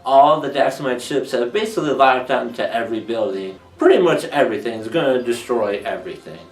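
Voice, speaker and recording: A man's voice: mid-range voice, lively intonation. Male reviewer, casual recap, jokey, roomy and distant, music bed. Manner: joking, acts out characters in quick throwaway voices. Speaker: TV episode reviewer.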